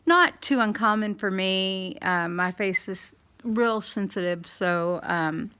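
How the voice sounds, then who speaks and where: Bright-voiced woman with a slight lisp. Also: medium pitch, smooth. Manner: halting, candid, stop-start rambling. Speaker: dental implant patient vlogger. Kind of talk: casual personal video diary.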